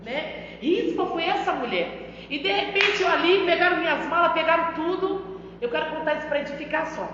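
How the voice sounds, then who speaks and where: Brazilian woman missionary sharing her testimony, high voice, long church reverb, dull sound. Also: normal speed, noisy background. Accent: Brazilian Portuguese. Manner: emphatic, addresses the pastor often. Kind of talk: testimony preaching. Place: church hall.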